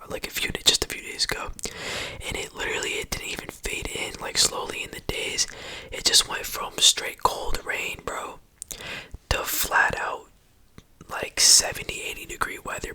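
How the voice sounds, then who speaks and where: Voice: sharp tone, low-quality recording. A whispering ASMR creator rambling casually and repetitively in slangy speech, close to the microphone. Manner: slangy, repetitive, rambling, often saying bro and you know.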